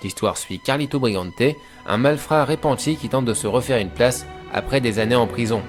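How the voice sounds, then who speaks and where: A man narrates a scripted film video essay as its host. He has a mid-pitched voice and speaks informally, straight to the viewer. Soft music runs behind his voice-over. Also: normal speed. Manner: informal, addresses viewers directly. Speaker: host of a film analysis show.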